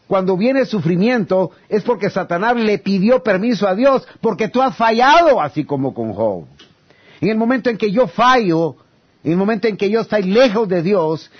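A man preaching a sermon, addressing the congregation as brothers and reading scripture aloud, swinging between loud pleading and low hushed asides. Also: breathy edge, highs cut off.

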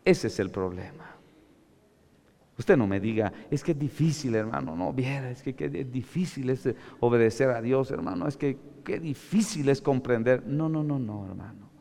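A man preaching an emphatic sermon, reading scripture slowly and calling the listeners brother. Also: mid-range voice, lively intonation, creaky, mellow, long reverb tail.

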